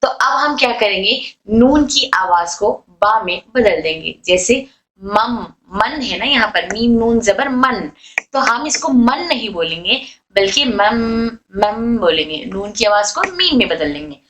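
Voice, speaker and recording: A woman's voice: mid-range voice, animated, moderate pace, crowd noise, low-quality recording. A woman teaching a recitation lesson, explaining patiently and repeating and drawing out the example sounds. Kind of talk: online tajweed lesson.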